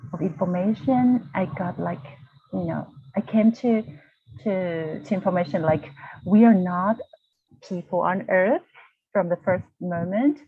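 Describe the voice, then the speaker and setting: A university lecturer from Vietnam, in her 40s, talks unhurriedly as a guest about her personal story, her fairly low voice carrying a breathy edge. She hesitates and restarts often as she tries to find her words. The audio comes through a tinny, dry video call.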